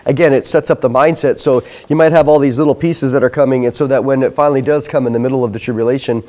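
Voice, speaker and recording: A man hosting an interview speaks casually, often chiming in with quick words of agreement. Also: medium pitch, fairly even intonation, mellow. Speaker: host. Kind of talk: conversational interview discussion.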